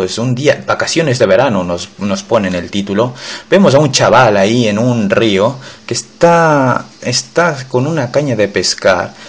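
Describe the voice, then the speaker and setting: Low-voiced man narrating a reaction. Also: slightly rough. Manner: joking, narrates what he sees, voices the characters' lines. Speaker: podcast host reacting to anime. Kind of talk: live reaction commentary.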